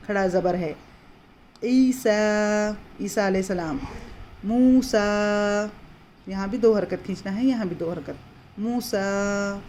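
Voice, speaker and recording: A woman teaching Quran reading in a patient, explanatory way, repeating words slowly and drawing them out. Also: mid-range voice, mellow, slight background noise. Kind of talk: slow explanatory lesson.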